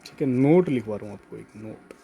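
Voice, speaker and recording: A male teacher leads a grammar lesson, dictating notes word by word and repeating himself so students can keep up. His voice is mellow and dark in tone, sitting at a middle pitch. He keeps checking in with a steady "okay" between points. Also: gravelly, slight background noise. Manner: slow emphatic dictation, repeats words, frequent "ठीक है".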